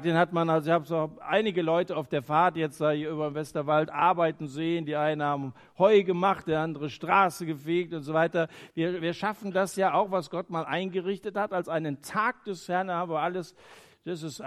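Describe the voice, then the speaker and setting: A man preaching a sermon in earnest, moving between emphatic lines and quiet, hushed phrases, with the odd hesitation as he thinks aloud. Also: fairly high pitch, moderate pace.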